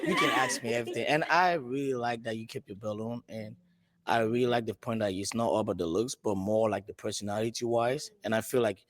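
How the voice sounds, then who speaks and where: Guy from liberia on a dating show, eager rambly answers, pitch all over. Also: wildly swooping pitch, fairly quick, background noise. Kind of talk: casual dating-show chat.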